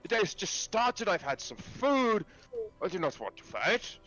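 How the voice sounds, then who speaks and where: A man's voice: high voice, big pitch swings, measured pace, sharp tone, soft background music, poor audio. A man playing a tabletop game, speaking in character in a haughty, theatrical way. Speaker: player. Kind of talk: in-character tabletop role-play.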